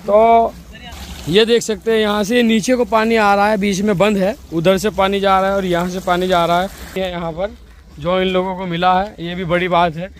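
Walking outdoors through rural fields and woods, a young man vlogs upbeat to viewers on a phone camera held at arm's length, narrating and interviewing scout trainees. His voice sits high with little pitch movement at a moderate pace, carrying a little hiss or hum.

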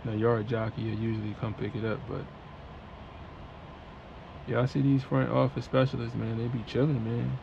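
A man's voice: medium pitch, little pitch movement, normal speed, vocal fry, long pauses, warm tone, highs cut off. A man who drives a truck, talking to his vlog camera from the cab in a laid-back, slangy, chatty way. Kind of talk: casual vlog talk to camera. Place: inside a truck cab at a warehouse. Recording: noisy truck cab ambience.

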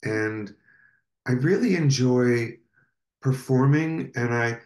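A man's voice: medium pitch, animated, takes it slowly, darkish tone, echoey room. A man, a guest in a casual interview, tells personal stories with many fillers and restarts.

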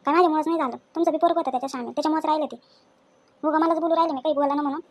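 A woman's voice: high-pitched, fairly even intonation, rapid-fire, noisy background. A young woman playing a defensive, pleading daughter-in-law in a home drama.

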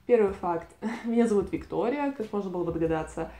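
A Latvian woman in her twenties chats casually and with self-irony in a talking-head vlog, recorded indoors on a lapel mic in a living room with a bookshelf. Her medium-pitched voice is mellow, fairly quick, and lively in intonation, with some reverb.

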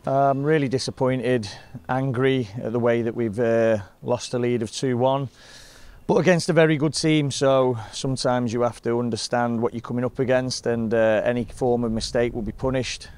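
A man, a football manager giving a measured, frustrated post-match interview outdoors. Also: mid-range voice, fairly even intonation, darkish tone, clean tone, no echo. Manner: measured, frustrated, plain-spoken. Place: outdoors in front of a sponsor board.

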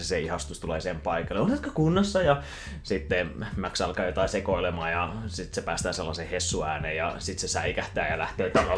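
A man casually retelling a cartoon film from memory, animated and quick to slip into voices. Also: low voice. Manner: animated, breaks into voices and laughter. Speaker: YouTuber.

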